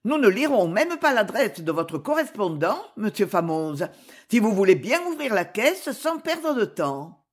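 Jovial, confident husband, as a woman reader plays him, lively and animated. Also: medium pitch, measured pace, slightly rough. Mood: cheerful. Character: cheerful, shrewd middle-aged husband.

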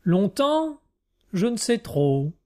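A man reading aloud, voicing a reserved Russian gentleman traveller who speaks in a measured, earnest and courteous way. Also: high voice, big pitch swings, pitched above the performer's own voice, exaggerated voice.

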